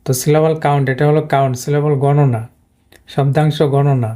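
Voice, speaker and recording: A man teaching a lesson, speaking slowly and haltingly, repeating words as he points things out. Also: fairly high pitch, flat delivery, warm tone. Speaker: English teacher. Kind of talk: explaining a lesson.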